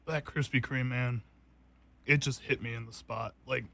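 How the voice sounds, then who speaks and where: A young man hosts a casual food taste test in a rambling, easygoing way. He laughs often and fills his talk with "like" and "um" as he goes, his voice sitting at an ordinary middle pitch. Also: steady tone, moderate pace, vocal fry, fairly bright tone. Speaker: host.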